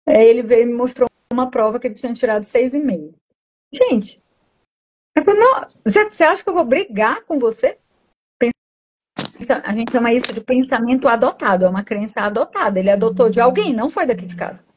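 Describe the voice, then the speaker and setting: A woman's voice: fairly high pitch, lively intonation, fast, a little mellow. A woman in her forties, a coach and therapist, telling a personal story in a podcast interview with enthusiastic, affectionate energy.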